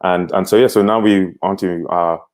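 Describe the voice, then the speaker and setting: A young man in his twenties from Cameroon talks as a livestream guest. His voice is very low, and he speaks in a relaxed, easy way with frequent chuckles. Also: moderate pace. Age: 20s. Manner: relaxed, conversational, chuckles often. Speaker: guest, company co-founder. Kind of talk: livestream interview.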